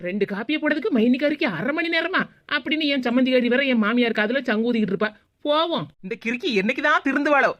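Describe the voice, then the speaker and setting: A woman voicing a fed-up young daughter-in-law in an animated cartoon, grumbling and complaining with a Tirunelveli Tamil accent. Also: high voice, fast talker, no room sound. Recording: dull, dry, muffled audio.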